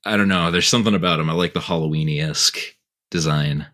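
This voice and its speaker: A man's voice: low-pitched, fast talker, fairly bright tone. A man co-hosting a podcast, chatting casually with frequent restarts and laughter. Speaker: podcast co-host. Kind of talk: casual chat.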